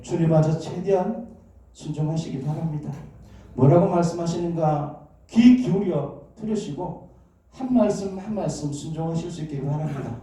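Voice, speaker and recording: Pastor preaching in an echoey church. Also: male voice, fairly high pitch, normal speed, dark tone. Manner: call-and-response, asking questions and prompting amens. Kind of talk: sermon to a congregation with children. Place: church sanctuary. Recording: echoey church hall, distant mic.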